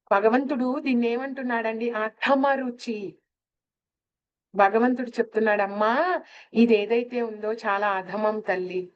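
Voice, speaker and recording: A woman's voice: medium pitch, highs cut off. A woman giving a spiritual lecture on scripture, often asking her listeners rhetorical questions and addressing them fondly. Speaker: devotional speaker.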